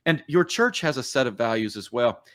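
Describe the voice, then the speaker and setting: A man's voice: mid-range voice, big pitch swings, a little fast, fairly bright tone. A middle-aged man co-hosting a church podcast, explaining ideas in a thoughtful, conversational way. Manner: thoughtful, explanatory, with many fillers. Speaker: podcast co-host, church coach. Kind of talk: casual podcast chat.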